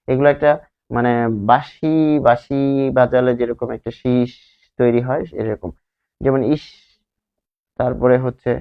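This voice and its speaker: A male teacher from Bangladesh giving a grammar lesson, asking and answering his own questions and drawing out sounds to demonstrate them. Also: medium pitch. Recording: slightly dull lo-fi sound.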